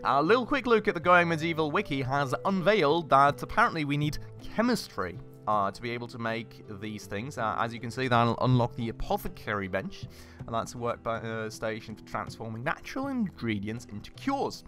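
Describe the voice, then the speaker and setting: A man's voice: mid-range voice, very animated, a little fast, bright, forceful tone. Rambling man narrating a game over faint music. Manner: rambling, thinks aloud, many fillers and self-corrections. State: slightly husky voice, recovering from illness. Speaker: gaming channel host. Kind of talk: casual let's-play commentary.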